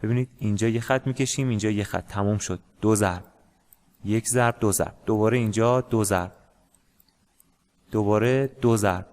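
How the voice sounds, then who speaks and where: A man teaching a music lesson in a casual, hesitant way, with many pauses and fillers. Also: lowish voice, a little mellow. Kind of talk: casual screen-share lesson.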